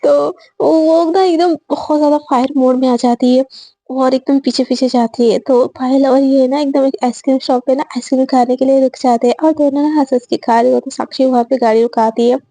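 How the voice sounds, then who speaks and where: A woman's voice: high voice, fairly even intonation, a little fast, mellow, no echo. A woman casually narrating a love story in a chatty way, mixing in English words.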